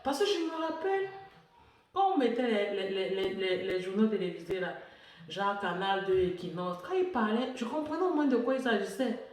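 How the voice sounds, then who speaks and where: A chatty woman from French-speaking Africa tells her story in a relaxed vlog style, with frequent repeats and laughter. She sits well back from the mic in a very echoey room. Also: medium pitch, normal speed, recorded from a distance. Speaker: vlogger. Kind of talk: casual personal vlog talk.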